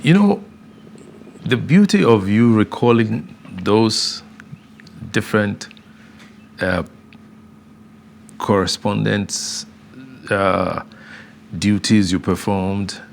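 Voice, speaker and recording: A male host leading a conversational interview, attentive and quick to affirm with short replies. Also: lowish voice, creaky, a little hiss or hum. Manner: frequent affirming backchannels, attentive.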